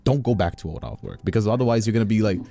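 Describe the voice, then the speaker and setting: Speaking rapid-fire in a lowish, mellow voice with vocal fry, a man streaming live rambles and stresses his points, often repeating himself. He sits close to a studio condenser mic, and the dry recording carries faint music in the background.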